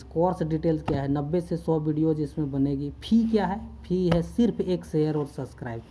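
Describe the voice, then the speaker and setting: A man's voice: on the high side, warm tone, a little hiss or hum, rough recording. Earnest male English teacher. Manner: earnest, repetitive, drills words aloud for pupils to repeat. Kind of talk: spoken English lesson over a screen recording. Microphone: screen-recorder phone mic.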